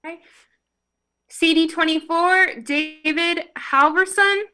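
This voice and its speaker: Woman, high voice, bright tone, slow careful roll call, video call. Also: steady tone. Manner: slow, careful reading of names, with apologetic asides and laughs. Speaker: meeting roll-call reader.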